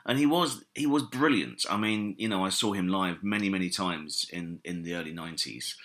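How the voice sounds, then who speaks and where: A deep-voiced British man talks comedy history in a loose podcast chat. His tone is low but bright and forceful, and he rambles enthusiastically through fillers and restarts. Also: moderate pace. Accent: British English. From Britain. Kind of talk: casual podcast interview.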